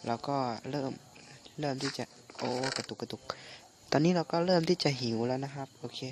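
A man doing casual gameplay commentary in a halting, muttering way, his voice phlegmy from recovering from flu. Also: medium pitch, heavy background noise. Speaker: gaming channel host.

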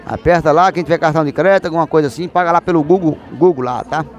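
A man vlogs through a busy open-air street market, his voice sitting high. He talks in a lively, chatty way, greeting sellers loudly. The handheld phone catches the soft chatter of the crowd around him. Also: very fast. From Northeast Brazil. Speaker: vlogger host. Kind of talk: casual market street vlog. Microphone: handheld phone camera.

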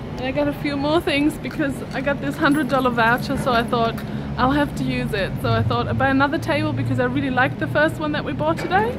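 A vlogger in her thirties chats upbeat to a camera held at arm's length in a small home craft room, laughing between words. Her voice sits high, and the handheld recording is very noisy.

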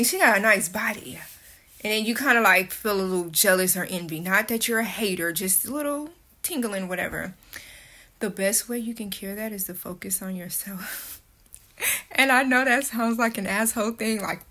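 This young woman, a vlogger with a speech impediment, speaks in a medium-pitched, pushed and bright voice. She narrates a story to a phone camera held close, moving through her kitchen and living room at home, and she's frank, blunt and casually profane.

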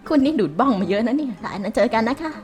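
Polite, quick-talking granny in her sixties, played by a woman, animated, improvised game role-play over music. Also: on the high side, close to an everyday voice. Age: older, played. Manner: polite, chatty, feminine politeness. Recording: music behind the voice.

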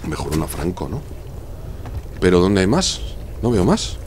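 A deep-voiced man with a Spanish accent from Spain chats casually as he live-streams a game. He argues his points in a chatty way and reads out messages from viewers, with a faint hum in the background. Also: very animated, measured pace. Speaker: gaming streamer. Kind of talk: casual live-stream chat while playing.

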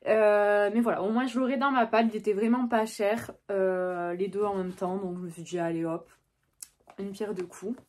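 A woman's voice: medium pitch, steady tone, moderate pace, a little mellow. A young woman chatting casually about her book purchases, hesitant and full of fillers. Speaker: book vlogger. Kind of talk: casual book haul chat.

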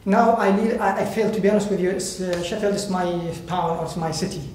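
In a bright, very echoey indoor hall with faint background noise, a volunteer guest speaker from Iraq addresses a seated audience from a lectern. He tells his personal story in halting English, searching for words, with an Iraqi Arabic accent. His voice sits high and is a little mellow.

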